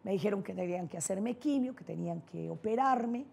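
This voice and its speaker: A middle-aged woman from Antioquia, Colombia, with a paisa accent, gives a motivational conference talk as a speaker and neurolinguistic programming trainer. Her mellow, husky, medium-pitched voice is expressive and a little fast, and she tells personal stories in an emphatic, candid way.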